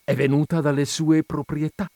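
A man's voice: fairly high pitch, level tone, moderate pace, mellow, dry recording, clean studio sound, lightly acted. A man voicing a fussy, indignant older widow of a colonel, in a raised, sighing voice. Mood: coaxing.

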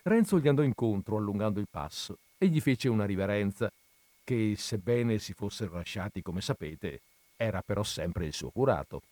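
A man, host of a reading series, reading a classic novel aloud in a measured, expressive way. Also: fairly low pitch, no room sound. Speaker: reader and host.

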